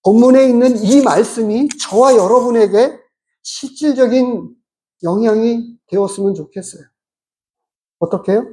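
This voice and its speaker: A pastor giving a measured, explanatory sermon and asking the congregation rhetorical questions. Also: medium pitch, dark tone.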